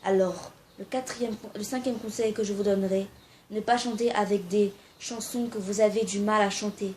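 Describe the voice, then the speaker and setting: A young woman talks casually to the camera, offering amateur singing tips in an informal, slightly hesitant way full of fillers. Her voice is medium-pitched, steady, normal in pace and a little mellow, with a faint hiss or hum in the background.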